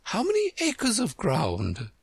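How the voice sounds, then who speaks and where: A timid storybook queen, acted out by a reader, very high and breathy. She is muddled and kindly, rambling anxiously with lots of rise and fall. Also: wildly swooping pitch, slow, no echo, heavily acted. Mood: puzzled.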